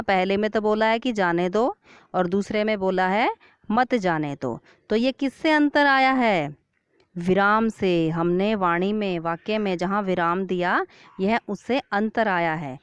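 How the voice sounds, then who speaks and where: A woman with a mid-range voice gives children a Hindi grammar lesson, posing questions and then answering them herself. She explains slowly and clearly, like a classroom teacher. The audio has no echo but sounds dull and lo-fi.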